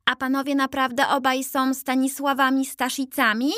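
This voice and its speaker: A woman's voice: mid-range voice, sing-song, takes it slowly, a bit bright, no echo, clean studio sound, full character voice. A woman voicing a naive young male adventurer, asking questions in a curious, eager way.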